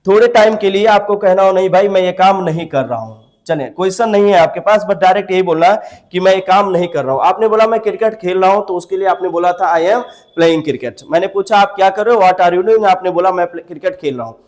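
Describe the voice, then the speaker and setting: A man with a high voice gives a spoken English lesson as the teacher. He drills each example slowly and repeats it, asking the listener to say it back. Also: darkish tone. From India.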